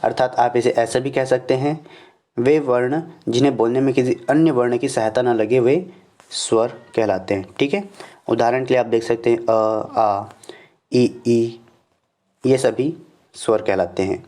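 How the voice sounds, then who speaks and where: Male teacher with a Chhattisgarh Hindi accent, mellow and dark-toned, patient step-by-step slide lesson. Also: medium pitch. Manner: explains step by step, often addressing viewers as "friends"; checks in with "okay" after each point, repeating definitions slowly. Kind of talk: slide-based grammar lesson.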